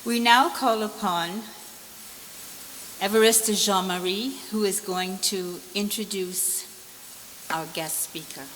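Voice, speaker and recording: A woman's voice: medium pitch, slow, fairly bright tone. Woman hosting a ceremony from the podium. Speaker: master of ceremonies. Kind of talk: formal podium speech. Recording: echoey hall, noisy hiss.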